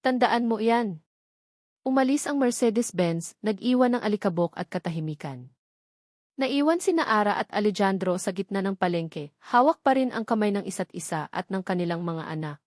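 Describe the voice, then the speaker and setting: A woman with a mid-range, darkish voice reads a romantic drama script for a love story channel, earnest and sentimental, her intonation lively and her pace a little fast. The studio recording is clean, with no echo.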